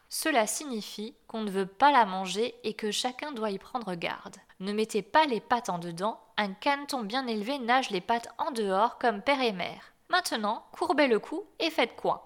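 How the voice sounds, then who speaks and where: A woman's voice: a little high, fairly bright tone. A woman voicing a fussy, devoted mother duck in a storybook reading, chattering and protective.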